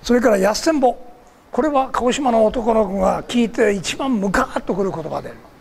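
A man's voice: sits high, lively intonation, a little fast, vocal fry, slight background noise. An older man from Kagoshima giving a formal public lecture, polite and digressive, with many fillers between phrases. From Kagoshima, Japan.

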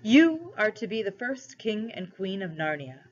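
A woman's voice: mid-range voice, very animated, unhurried. A great storybook lion played by a woman reader, grave and regal. He speaks formally and with authority, in a slightly dull, lo-fi recording. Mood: solemn, regal. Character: great solemn male lion king, commanding and wise.

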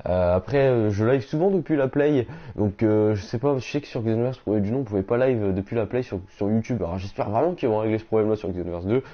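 A young man chatting casually on a game live stream, reading out viewers' messages and answering them in slangy, relaxed talk. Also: on the low side, fast, few pauses. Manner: slangy, reads chat aloud and answers viewers. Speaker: gaming streamer. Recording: dull lo-fi stream audio.

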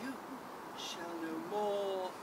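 A woman on an open-air stage playing a haughty, pompous female steward who speaks with slow, lofty disdain. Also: medium pitch, fairly even intonation, background noise. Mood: scornful. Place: outdoor stage.

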